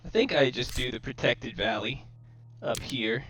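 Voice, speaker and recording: A gamer commentates his own match casually, thinking out loud to himself. His mid-range voice is creaky and a bit bright at a moderate pace, but his home microphone makes it sound robotic and glitchy.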